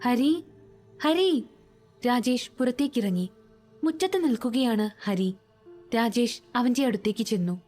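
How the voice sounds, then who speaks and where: A woman with a Malayali accent narrating a horror storybook in a steady storytelling voice. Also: on the high side, moderate pace, faint music behind.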